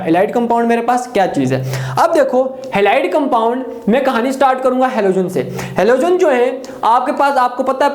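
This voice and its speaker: A man's voice: very high-pitched, darkish tone. A male chemistry teacher, lecturing students by posing questions, answering them himself and repeating key terms. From Pakistan. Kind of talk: classroom lecture. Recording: echoey room.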